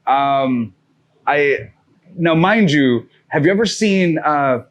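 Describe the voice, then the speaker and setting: This man from Massachusetts' North Shore has a higher voice, lively but slow in delivery. As a podcast guest in casual conversation, he spins a long, meandering story, cursing freely, restarting sentences, and leaning on fillers.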